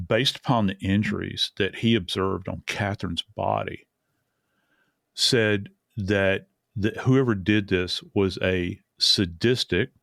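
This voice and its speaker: A low, gravelly-voiced man talks through a true crime case in an earnest, drawn-out way. He stops and restarts often as he searches for words. The sound is dry and close. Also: a bit bright, no room sound. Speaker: forensic expert co-host. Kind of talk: true crime podcast discussion.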